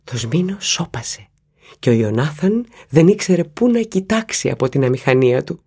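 A man narrating an audiobook in a measured, even storytelling manner. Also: fairly high pitch, slightly rough.

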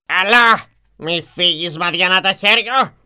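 A storyteller voicing a hideous, stern male beast in a fairy tale, speaking slowly and menacingly. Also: sharp tone, smooth. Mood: gruff. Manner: slow, drawn-out, booming delivery.

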